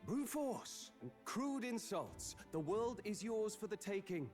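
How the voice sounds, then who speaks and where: A man's voice: high voice, very animated, slow pace, darkish tone, faint music behind, heavily acted. An actor playing a proud, chivalrous young nobleman in a video game, speaking eloquently. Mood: proud, scornful. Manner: eloquent, lofty. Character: proud, chivalrous young nobleman recruit, polite but defiant.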